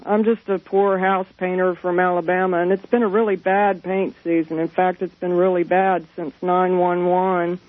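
A man's voice: high voice, little pitch movement, moderate pace, few pauses, no echo. A man chatting casually as a caller to a radio show. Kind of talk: casual chat. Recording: tinny phone line.

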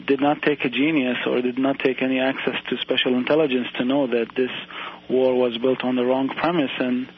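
Man from Iraq, radio guest, monotone, muffled lo-fi line, faint hiss. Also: mid-range voice. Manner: earnest, measured, with repeated restarts. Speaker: university professor, interview guest. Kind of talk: radio interview.

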